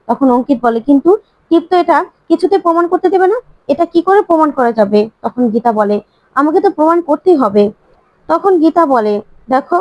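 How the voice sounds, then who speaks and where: Female storyteller, high voice, recaps a drama serial, voices all parts with emotional flare-ups. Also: no room sound, low-quality recording. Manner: acts out every character's lines, rising into excited and pleading outbursts. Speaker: narrator.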